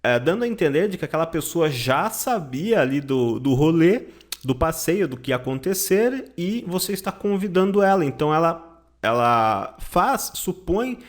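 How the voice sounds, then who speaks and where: A man's voice: a little high, very animated, moderate pace. A man teaching a German lesson online, explaining patiently and checking in with "tá?" and "né?".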